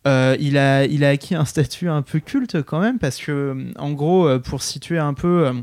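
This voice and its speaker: A man's voice: a little high, normal speed, darkish tone, no room sound. Hesitant French man, dry close sound. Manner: hesitant, many fillers and restarts. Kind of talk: casual film discussion.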